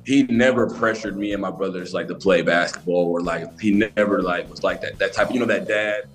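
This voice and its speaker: A young man from Alabama, a college basketball player chatting as a podcast guest in a relaxed, rambling way. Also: low-pitched, a little fast, soft background music. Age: young adult. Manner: relaxed, rambling, many restarts. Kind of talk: casual interview chat.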